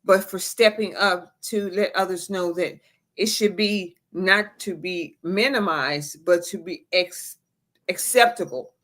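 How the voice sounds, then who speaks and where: Measured, slow-talking female co-host. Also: fairly low pitch, fairly bright tone. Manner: measured, formal phrasing. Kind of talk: casual talk show chat.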